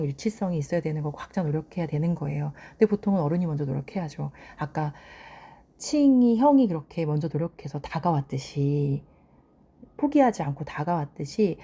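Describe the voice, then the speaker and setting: A middle-aged woman in a casual drama recap, retelling scenes with animated commentary on the characters. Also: medium pitch. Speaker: drama reviewer.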